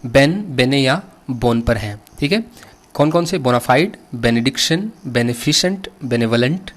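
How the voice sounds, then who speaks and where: A man with an Indian accent teaching vocabulary at a deliberately slow, unhurried pace. He spells each word out letter by letter and keeps turning questions to his students, patient and steady throughout. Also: mid-range voice. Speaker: English teacher.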